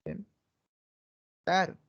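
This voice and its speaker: A woman with a Peruvian Spanish accent teaching a pre-university psychology class online, explaining step by step and checking in with her students after nearly every point. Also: drawn-out words. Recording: dull lo-fi online class audio.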